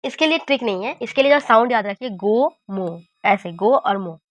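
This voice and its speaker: A woman's voice: mid-range voice, lively intonation, normal speed, no echo, lo-fi sound. A woman teaching a lesson, patiently explaining memory tricks and repeating key points. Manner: patient, repetitive, coaching.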